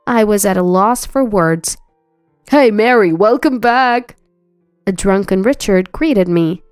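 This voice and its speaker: A woman narrating a first-person story in an even, storytelling delivery. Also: medium pitch, clear, resonant tone, no room sound, clean studio sound.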